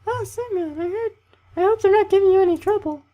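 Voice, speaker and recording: A man putting on the falsetto voice of a young female camp pioneer who orders others around. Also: fast talker, mellow, lo-fi sound. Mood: friendly. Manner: falsetto, commanding.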